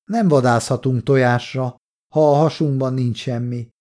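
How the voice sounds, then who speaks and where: A man's voice: mid-range voice, steady tone, a little mellow, close to an everyday voice. A man reading an audiobook, voicing a cocky young soldier who banters and teases. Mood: teasing. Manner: breezy, teasing banter. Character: cocky young male soldier, joking and brash. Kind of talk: audiobook character voice.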